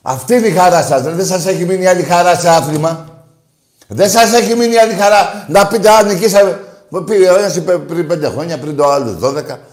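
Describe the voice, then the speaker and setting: A man hosting a call-in radio show, combative and insulting toward callers, swinging between loud outbursts and low muttering. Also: reverberant. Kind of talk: heated call-in show banter.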